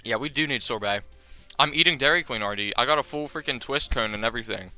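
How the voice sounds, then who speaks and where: A man's voice: medium pitch, fast, soft background music. A young man reading a visual novel aloud on a live stream, joking with his chat between lines. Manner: animated, jokey, chatting to viewers between lines.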